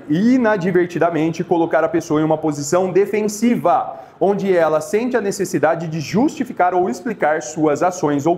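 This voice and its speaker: A man, teaching a class of therapists in a lively, conversational way and often restarting his sentences. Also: high voice. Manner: conversational, lively, with many restarts and acted quotes. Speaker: therapy instructor. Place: classroom with students.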